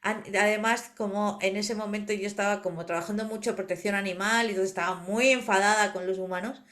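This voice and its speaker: Una mujer con acento de España que conversa en un pódcast y narra anécdotas con viveza. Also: female voice, medium pitch, fairly quick. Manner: animated storyteller, acts out quoted voices. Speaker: podcast co-host, animal communicator. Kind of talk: casual podcast conversation.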